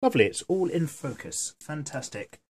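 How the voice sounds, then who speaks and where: A man chatting casually while he draws, rambling and swearing freely as he goes, with a voice that is going hoarse. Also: fairly high pitch, very animated, moderate pace, a little mellow. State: losing his voice. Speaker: art vlogger. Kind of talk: casual chat while drawing.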